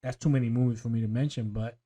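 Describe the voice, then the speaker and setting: A man co-hosting a podcast in casual chat, excitable and quick to laugh, dropping slang like "bro". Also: medium pitch. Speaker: podcast co-host.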